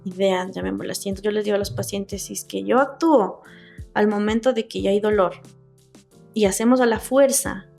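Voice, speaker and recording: A woman's voice: medium pitch, steady tone, a little fast, creaky, darkish tone, soft background music. A young adult woman, a dentist explaining her work earnestly, step by step, in a casual interview. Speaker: dentist guest.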